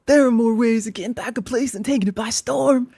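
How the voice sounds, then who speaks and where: A woman voicing a stern, wise old male badger in a storybook reading, speaking slowly and severely. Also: fairly high pitch, dark tone, slightly rough, no room sound, clean studio sound. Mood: reassuring. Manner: severe, measured, slow.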